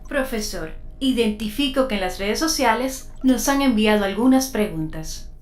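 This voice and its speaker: A woman co-hosting a broadcast lesson, reading out viewers' questions in a measured way. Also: on the high side, animated, darkish tone. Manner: measured, reads messages aloud.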